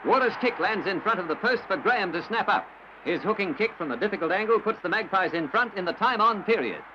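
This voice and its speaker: A man giving brisk, formal sports commentary in an old newsreel, from Australia. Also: high-pitched, lively intonation. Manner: brisk, formal announcer delivery. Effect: old newsreel recording. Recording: dull lo-fi old film soundtrack with hiss.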